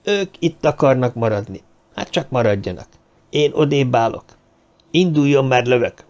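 A man's voice: mid-range voice, expressive, darkish tone, lightly acted. A man voicing a fierce, determined woman professor who gives orders and threatens with a gun in an audiobook. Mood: threatening. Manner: commanding, threatening.

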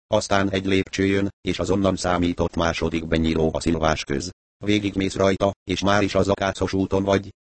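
A man's voice: low voice, no room sound, close to an everyday voice. A man piping as a chirpy, pushy lawyer. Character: fussy chirpy male lawyer, pushy, eager.

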